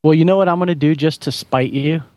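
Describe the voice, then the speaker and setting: A man in easygoing podcast banter, teasing his co-host. His voice sits a little high for a man and comes through a Skype call. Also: fast talker, darkish tone, no echo. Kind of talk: casual chat.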